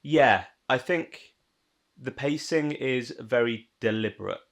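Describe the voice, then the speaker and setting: A man's voice: medium pitch, takes it slowly, a bit bright. A man co-hosting a podcast, chatting casually with teasing, incredulous banter. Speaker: podcast co-host. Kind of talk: casual chat.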